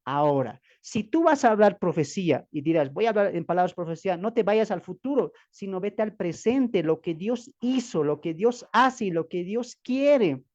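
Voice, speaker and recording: A man's voice: sits high, expressive, normal speed, hardly any pauses, darkish tone, muffled recording. A man from Bolivia teaching from the Bible as a preacher, emphatic and full of rhetorical questions, calling listeners beloved brothers.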